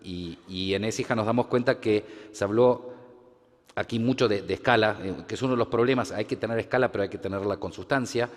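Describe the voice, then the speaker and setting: A man's voice: lowish voice, a little fast. A man speaking on a conference panel, hesitant, with frequent fillers. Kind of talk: panel discussion. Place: conference hall. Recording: long hall reverb.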